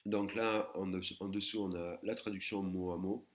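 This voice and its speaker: Very low-voiced man teaching a lesson. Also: steady tone. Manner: slow, careful, syllable-by-syllable pronunciation of Thai words. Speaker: Thai language teacher. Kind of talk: recorded language lesson explaining a slide.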